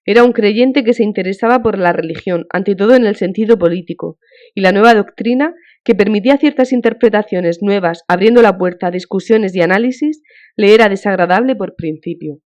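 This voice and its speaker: A woman narrating an audiobook of a classic novel in a measured, even storytelling manner. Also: medium pitch. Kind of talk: scripted narration. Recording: dull lo-fi audiobook recording.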